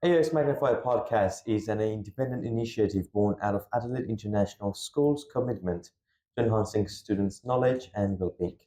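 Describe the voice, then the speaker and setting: A school podcast host, a man with a fairly quick, warm, lowish voice, reads a formal introduction before moving into interview questions. He's recording in a school room, and the sound is echoey.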